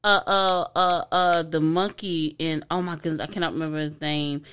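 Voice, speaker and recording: A woman's voice: sits low, steady tone, normal speed, a bit bright, clear, resonant tone. A woman co-hosting a casual podcast, giving earnest advice and often restarting her sentences. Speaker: podcast co-host.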